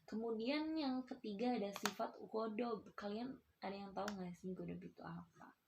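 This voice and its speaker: A woman's voice: medium pitch, moderate pace, vocal fry, dull audio, background noise. A young woman, a university student, giving a casual lesson and talking to her pupils as their teacher, with a chatty, explanatory manner and lots of filler tags. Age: young adult.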